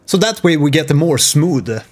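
Speaking a little high with lively intonation, a man in his forties gives a casual, measured screen-share lesson on music software. He records from a small home studio.

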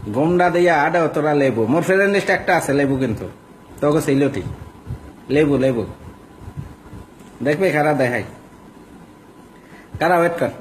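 A man's voice: on the high side, a little hiss or hum, rough recording. A young man with a Barishal Bengali accent, ranting as a vlogger in a coarse, mocking and insulting way. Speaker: social media vlogger. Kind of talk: ranting monologue.

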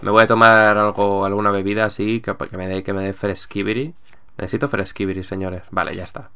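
A man with a Spain Spanish accent giving excitable gameplay commentary, repeating catchphrases and cracking puns. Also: fairly low pitch, a little fast, a little hiss or hum. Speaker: video game let's player.

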